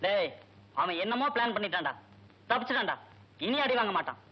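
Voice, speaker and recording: A man's voice: sits high, lively intonation, fairly quick, bright, forceful tone, breathy edge, heavily acted, low-quality recording. An actor playing a young man who pushes his friend around in an old film comedy. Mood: knowing. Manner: pushy, needling. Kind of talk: 1980s film comedy acting.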